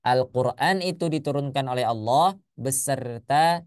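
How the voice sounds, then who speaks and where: Smooth-voiced male Quran teacher. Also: mid-range voice, dry recording, clean studio sound. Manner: questions the class, chants Arabic examples slowly. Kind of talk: classroom lesson.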